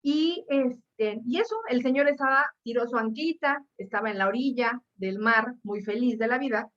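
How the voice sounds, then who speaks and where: Brief: animated woman telling a parable to an audience, fillers and laughs, dull muffled sound. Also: on the high side, normal speed. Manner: lively, laughing, many fillers. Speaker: speaker. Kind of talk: storytelling talk.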